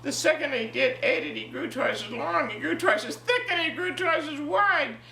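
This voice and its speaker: Reminiscing casually and reading a story aloud with animation for family, a cheerful, expressive woman of ninety speaks at normal speed in a creaky voice that sits high. The home recording sounds distant and echoey, with a little background noise.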